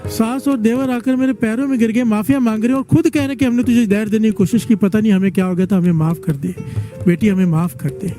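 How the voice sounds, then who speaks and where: Soft background music plays as this man preaches a devotional sermon, his voice high, mellow and fast with fairly even intonation. He tells stories and presses the congregation to chant their responses back.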